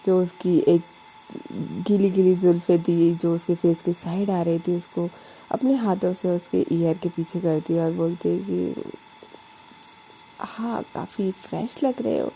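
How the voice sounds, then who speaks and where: A woman's voice: on the low side, level tone, unhurried, dark tone, slight background noise, rough recording. A young woman narrating a love story in a chatty, casual way, mixing in English words and fillers.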